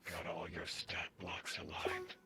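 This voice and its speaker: A man voicing a deadpan male bug who speaks flatly and only mock-performs excitement. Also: low-pitched, slow pace, heavily acted.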